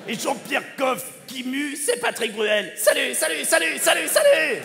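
A man's voice: very high-pitched, very animated, a little slow, gravelly, bright, forceful tone, soft background music. A man performing a comedy sketch on stage, jumping between many impressions and snatches of song. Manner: jumps between many celebrity impressions, singing bits. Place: large theatre stage. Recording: hall reverb with live audience.

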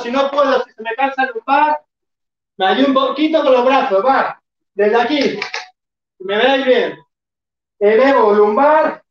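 High-voiced workout coach counting reps, slow and far off the mic in an echoey room. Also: highs cut off. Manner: counts reps and urges the class on, sometimes shouting. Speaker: fitness instructor. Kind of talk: live online workout class.

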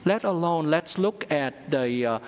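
Slow, halting priest in a reverberant church. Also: male voice, a little high, lively intonation. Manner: slow, halting delivery with many fillers. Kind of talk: sermon. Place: large church sanctuary at the altar.

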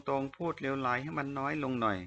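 A man's voice: medium pitch, fast talker, sharp tone, dull audio, a little hiss or hum, lightly acted. A man voicing a furious young prince in an audiobook, speaking in an angry, commanding way. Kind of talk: audiobook character voice.

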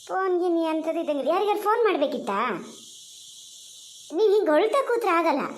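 A bustling cartoon village woman, voiced by an actor, chatters in a very high, brisk voice, coaxing and scolding. She sounds loud and bossy but kind. The room echoes around her. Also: animated, slight background noise. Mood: bossy kindness.

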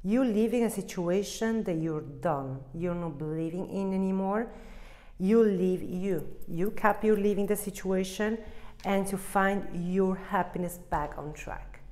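A woman's voice: mid-range voice, measured pace, a little mellow. Woman, tarot reader, casual, rambling, searches for words, laughs at herself.

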